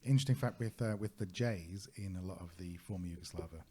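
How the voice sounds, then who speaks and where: A man with a deep, husky voice co-hosts a relaxed travel podcast. He wanders through his stories with plenty of ums and restarts. His tone stays mellow and unhurried. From United Kingdom. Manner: rambling anecdotal storyteller, many fillers. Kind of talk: casual podcast chat.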